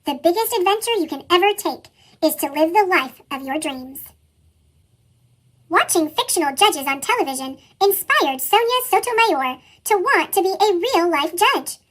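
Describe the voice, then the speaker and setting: A storybook reader whose voice has been sped up and pitched up into a chipmunk voice, reading a children's picture book aloud in a steady, earnest way. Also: normal speed.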